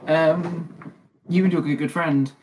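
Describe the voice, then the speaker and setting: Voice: mid-range voice, steady tone, takes it slowly, a little mellow, slight background noise. A casual game master narrates a tabletop role-playing session. They lean on fillers like "like" and "um" and often correct themselves in mid-sentence. The delivery is loose and conversational. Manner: chatty, lots of fillers and self-corrections.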